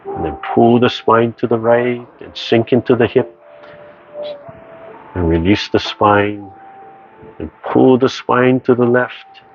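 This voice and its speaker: A man teaching tai chi, giving serene, measured step-by-step movement cues in short phrases. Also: mid-range voice. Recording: dull, muffled audio with background noise.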